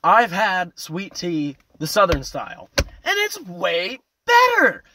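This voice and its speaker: Foul-mouthed young man ranting loudly. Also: sits high, slow, noisy background. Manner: foul-mouthed, loud and animated, swings between yelling and muttering. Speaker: vlogger. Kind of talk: casual profane rant to camera. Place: parked at a roadside turnout.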